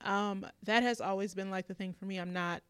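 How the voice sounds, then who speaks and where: A woman chatting earnestly on a podcast, thinking things through out loud. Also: medium pitch, steady tone, fairly quick, clean tone, no echo, clean studio sound. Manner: thoughtful, earnest, reflective. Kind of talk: casual chat.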